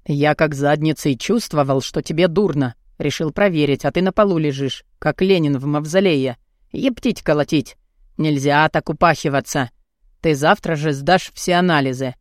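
A woman's voice: low voice, moderate pace, dry recording, studio quality, pitched below the performer's own voice, natural voice. A woman voicing a big, blunt young man in an audiobook, growling and curt. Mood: gruff, bossy. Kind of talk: audiobook character voice.

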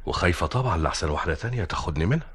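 An actor playing a bickering, excitable husband in an old-time radio drama, with an Egyptian accent and quick, emphatic comic banter. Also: male voice, sits low, slightly rough. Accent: Egyptian Arabic.

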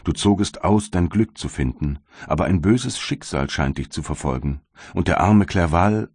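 A man's voice: low-pitched, animated, normal speed, a little mellow, breathy edge, no echo, clean studio sound, exaggerated voice. A man voicing a sad, tender aging father speaking to his grown son in an audiobook. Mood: sorrowful.

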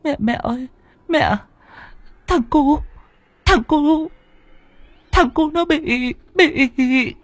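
A man's voice: very high voice, extremely slow, pauses often, dry recording, voice pushed up, heavily acted. A man doing a stammering, panicked young mother. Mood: terrified. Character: frightened young village mother and wife.

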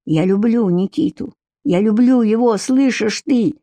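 A woman voicing a desperate young wife who pleads and shouts in defiance, raised in pitch. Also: unhurried, no echo. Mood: defiant.

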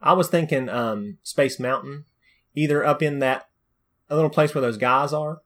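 A man's voice: medium pitch, normal speed, fairly bright tone. A man co-hosting a podcast, chatting casually with easygoing, rambling jokes. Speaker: podcast co-host. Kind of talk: casual chat.

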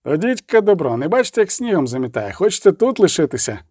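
A man voicing a hoarse, blunt Hussite fighter who speaks curtly. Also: high voice, sing-song, fast, darkish tone, dry recording, clean studio sound, heavily acted. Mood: angry. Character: gruff grown male Hussite fighter, blunt.

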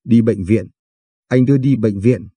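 A man's voice: fairly low pitch, measured pace, mellow, husky, no echo. A man voicing a worried young man who urges his hurt girlfriend to see a doctor, in an audiobook reading. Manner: anxious, urgent.

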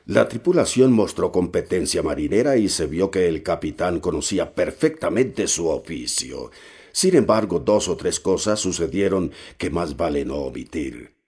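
Deep, gravelly male narrator. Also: big pitch swings, moderate pace, a little mellow. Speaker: audiobook narrator. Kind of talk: reading a novel aloud.

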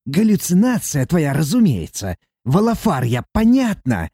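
A man voicing a small, rude male demon dwarf who squeaks insults in a grumbling, mocking way. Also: wildly swooping pitch, measured pace, mellow, breathy edge, no room sound, studio quality, exaggerated voice. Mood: sneering.

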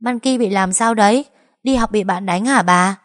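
A woman's voice: medium pitch, normal speed, no echo, clean studio sound, pitched above the performer's own voice, lightly acted. A woman voicing a worried young boy, an older brother, asking urgent questions in a spoken story.

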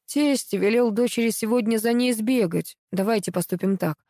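A woman's voice: fairly high pitch, moderate pace, mellow, no room sound, studio quality, voice pushed up, natural voice. A woman reading a flustered young husband. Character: nervous, evasive young husband and car seller.

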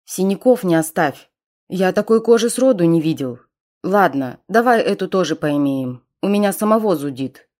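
A coarse, leering male raider with a low, husky growl, as a woman reading an audiobook puts him on. His rough voice sits deep and heavy, every line greedy and crude. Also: lively intonation, normal speed, a little mellow, lightly acted.

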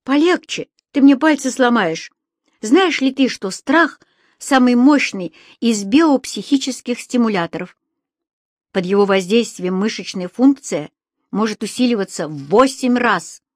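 A woman voicing a kindly old man who calmly reassures and gently lectures in an audiobook story. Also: fairly high pitch, unhurried, no echo, clean studio sound. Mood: reassuring. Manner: calm, soothing, a little lecturing.

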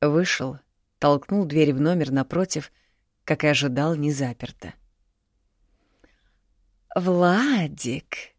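Low-voiced woman narrating an audiobook. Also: no echo, clean studio sound. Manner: even, measured reading.

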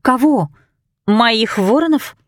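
An earnest, curious young fairy girl in a storybook, asking and insisting, as a woman reads her part. The voice stays close and dry with a lively pitch. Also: slow pace, no room sound. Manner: earnest, questioning.

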